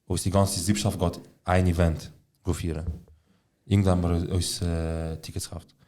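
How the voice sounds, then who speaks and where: A man's voice: low-pitched, level tone, normal speed, darkish tone. A young man co-hosting a casual podcast, retelling a story with lots of slang, swearing and quoted dialogue. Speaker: podcast co-host.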